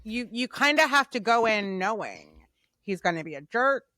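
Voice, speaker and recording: A woman's voice: a little high, very animated, moderate pace, pushed and bright, no room sound, studio quality. A young woman co-hosting a casual recap podcast, giving emphatic, opinionated takes. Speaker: podcast co-host.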